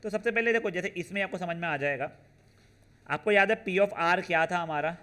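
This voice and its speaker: Male math teacher, higher voice. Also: pushed and bright, smooth. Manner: calls students "beta", checks in with "theek hai na"; works through formulas step by step, slowing on them. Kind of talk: classroom lecture.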